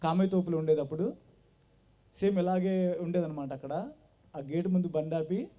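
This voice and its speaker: A man giving his personal testimony at a church gathering, telling his story with animated storytelling and acting out the voices of the people in it. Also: sits high, normal speed. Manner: animated storytelling that acts out quoted dialogue. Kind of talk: personal testimony told to a congregation.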